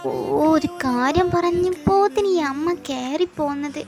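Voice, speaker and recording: A woman voicing a shy, lovestruck young woman student in an amateur audio drama, speaking softly and hesitantly. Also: high-pitched, measured pace, pitched above the performer's own voice. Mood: explaining. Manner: soft, hesitant. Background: background music.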